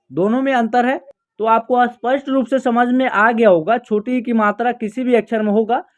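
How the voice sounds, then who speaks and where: A teacher giving a beginner reading lesson, patiently repeating each word and slowly stretching out syllables to show pronunciation. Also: medium pitch, darkish tone. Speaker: Hindi teacher.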